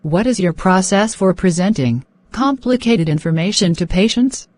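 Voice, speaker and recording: A woman's voice: medium pitch, lively intonation, normal speed, a little mellow. A woman working as a speaking test examiner, reading out scripted questions and instructions in a polite, formal way.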